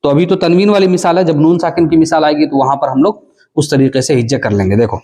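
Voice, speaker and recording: A man from South Asia, with a dark, slightly high voice, leads a Quran reading class. He spells out each syllable and draws it out in a nasal, sing-song way.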